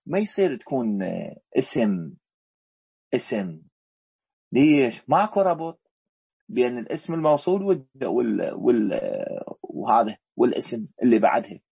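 Iraqi male teacher, husky and animated, drills students with repeated questions on dry lo-fi audio. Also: medium pitch, moderate pace, no room sound. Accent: Iraqi Arabic. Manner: questioning, repeats key words to the class. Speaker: grammar teacher. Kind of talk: classroom grammar lesson. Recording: dull lo-fi recording.

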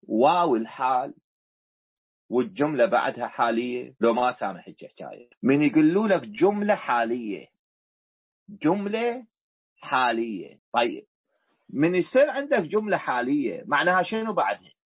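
Husky Iraqi teacher, lively pitch. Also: male voice, moderate pace, dry recording. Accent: Iraqi Arabic. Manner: questioning, repeats key words to the class. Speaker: grammar teacher. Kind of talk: classroom grammar lesson. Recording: dull lo-fi recording.

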